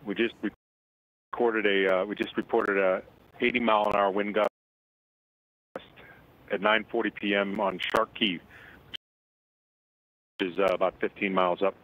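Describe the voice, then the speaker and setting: A man speaking as a weather forecaster over a phone line in a live news interview, serious and measured, with halting phrases. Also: lowish voice, level tone, fairly bright tone. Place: indoors at a forecast office. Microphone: telephone. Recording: band-limited phone line.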